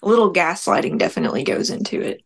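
A woman's voice: deep voice, huge pitch swings, quick pace. A young woman, a nurse and prank caller, answering interview questions in a chatty way full of fillers. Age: young adult.

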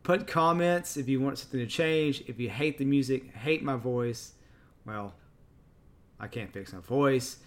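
A man's voice: medium pitch, unhurried. A man from Texas with a Texan accent, hosting a solo podcast in a casual, chatty way and correcting himself as he goes. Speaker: podcast host.

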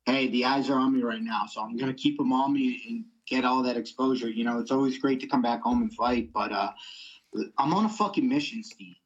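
Blunt, profane young fighter. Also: male voice, mid-range voice, a little fast, lo-fi sound. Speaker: MMA fighter guest. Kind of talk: casual interview.

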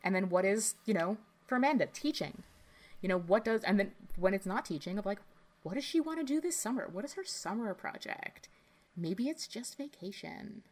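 A woman's voice: medium pitch, animated, moderate pace. A woman co-hosting a podcast in casual chat, rambling with lots of filler words. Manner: chatty, lots of likes and you-knows. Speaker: podcast co-host.

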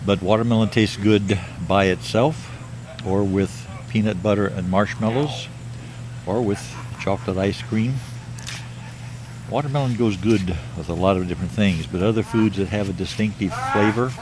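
Low-voiced older guy rambling matter-of-fact outside, noisy outdoor video. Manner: slow, plain, matter-of-fact musing. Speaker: video maker. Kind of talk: rambling self-filmed monologue.

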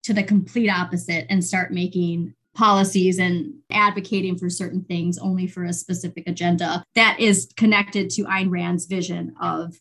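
A woman co-hosting a podcast in casual discussion, animated and sarcastic, laughing often. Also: on the low side. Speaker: podcast co-host.

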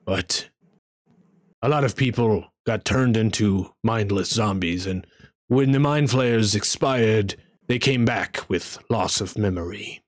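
A man voicing a proud bird-like male king in a tabletop game, speaking in a grave, halting way. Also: on the low side, dry recording, clean studio sound.

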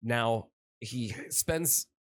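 Rambling, excitable man recapping a cartoon. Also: medium pitch, very slow. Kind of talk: casual chat.

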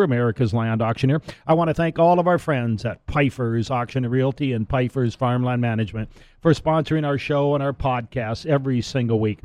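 A man's voice: medium pitch, a little mellow, no room sound. A middle-aged man hosting a radio talk show, talking casually and rambling with frequent restarts and repeated words. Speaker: radio show host and land auctioneer.

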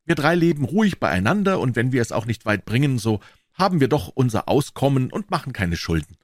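A man voicing an excitable middle-aged pawnbroker who talks in high, eager exclamations in an audiobook. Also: a little fast, dry recording, studio quality, close to an everyday voice. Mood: chatty. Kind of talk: audiobook character voice.

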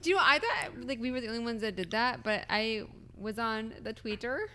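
A woman's voice: on the high side, a little fast, sharp tone. A young woman co-hosting a casual gaming podcast, bubbly and giggly. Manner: giggly, bubbly, laughs often. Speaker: podcast co-host.

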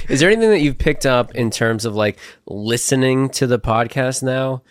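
A young man co-hosting a podcast, telling stories in a relaxed way, breathing heavily between phrases. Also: medium pitch, moderate pace. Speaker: podcast co-host. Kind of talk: casual chat.

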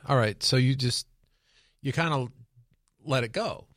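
Man, interviewer, probing, wry, middle pitch, dry close sound. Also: a little slow, fairly bright tone, no echo. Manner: probing, wry follow-up questions. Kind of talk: conversational interview.

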